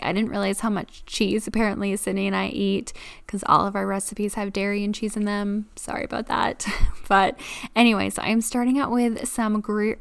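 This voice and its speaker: A young woman talks through a home cooking video in an easy, chatty voice-over. Her delivery is relaxed and a little self-deprecating, with plenty of small fillers. The sound is close and dry, with no room around it. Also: medium pitch, dry recording. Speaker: cooking vlogger. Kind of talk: casual cook-along voice-over.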